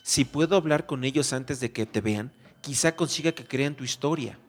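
A man's voice: medium pitch, normal speed, close to an everyday voice. Man doing an urgent young apprentice cat. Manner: urgent, planning delivery. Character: young male apprentice cat, quick and determined. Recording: background music bed.

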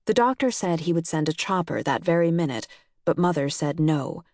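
Low-voiced woman narrating a memoir. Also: dry recording, studio quality. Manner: measured, steady, reflective. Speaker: audiobook narrator.

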